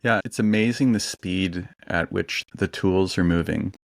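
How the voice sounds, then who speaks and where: Podcast host: a man with a low voice, dry close sound, easy questioning manner. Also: a little slow, vocal fry, no room sound. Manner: asks conversational questions with fillers. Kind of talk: casual interview chat.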